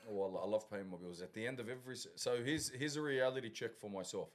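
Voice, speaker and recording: A man hosting a casual podcast, joking around and laughing often between quick asides. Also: on the low side. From Australia. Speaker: podcast host and shop owner.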